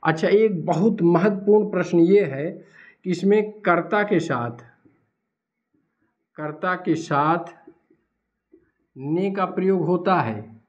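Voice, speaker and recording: A man's voice: high-pitched, takes it slowly, long pauses. A man teaching a Hindi class at a board, who asks questions and then answers them himself. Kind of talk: blackboard lecture. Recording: dull lo-fi recording.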